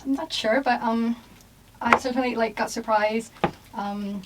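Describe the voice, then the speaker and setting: A woman's voice: a little high, fairly even intonation, a little slow. A young woman from Brazil, chatting casually as a guest and giggling between thoughts. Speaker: guest, exchange student. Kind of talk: casual chat. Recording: distant mic, faint noise.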